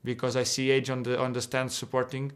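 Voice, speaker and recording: The footballer guest, a young man with Portuguese as his first language, speaks in a medium-pitched, completely flat voice, a little fast. He answers interview questions earnestly over video call from an indoor locker room, restarting and repeating words often.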